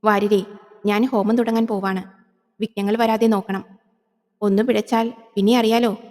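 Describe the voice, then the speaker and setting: A woman's voice: mid-range voice, flat delivery, normal speed, darkish tone, lightly acted. A woman plays a stern, elderly male priest conducting an exorcism rite, grave and commanding in tone. The voice sits in a long, hall-like reverb.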